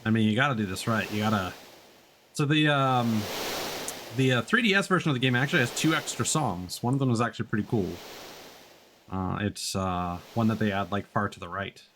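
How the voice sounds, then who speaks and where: A man with a lowish voice talks fairly quickly through a headset mic against a noisy background. He is a video game live streamer, commentating on his stream and thinking aloud in a casual, self-deprecating way.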